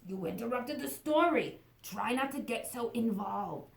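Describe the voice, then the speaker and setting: Storybook papa rooster played by a woman: patient, weary, gently chiding, roomy recording. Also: on the high side, animated, unhurried, vocal fry.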